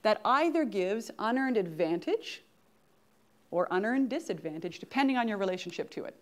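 A Canadian woman in her forties, a guest speaker at grand rounds, gives an interactive lecture from an auditorium stage and frequently checks in with the audience. Her voice is medium-pitched and expressive, and she keeps a moderate pace.

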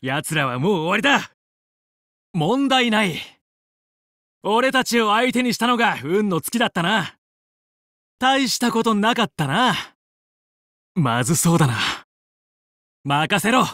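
A man's voice: high-pitched, big pitch swings, unhurried, pauses often, pushed and bright, dry recording, clean studio sound, full character voice. A male actor playing a confident, heroic young fox who leads a team of space pilots in a video game, with cool, resolute, clipped delivery. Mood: confident, assured. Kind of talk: Japanese video game battle voice lines.

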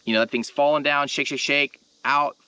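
Explaining gear and technique directly to viewers in a casual instructional video, a fishing tutorial host speaks at a moderate pace in a slightly high, steady voice. His tone is bright, forceful and clean, while the recording is dry with the highs cut off.

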